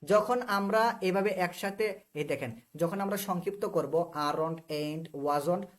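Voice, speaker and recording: A man's voice: sits high, measured pace. A man with a Bangladeshi accent teaching a live online English class, who explains patiently, repeats himself and keeps asking whether students understand.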